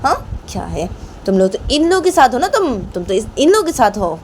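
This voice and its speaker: A woman's voice: on the high side, sing-song, brisk, darkish tone, a little hiss or hum, pitched above the performer's own voice. A woman voicing a suspicious, touchy grandmother who scolds in accusing, repeated questions. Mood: angry.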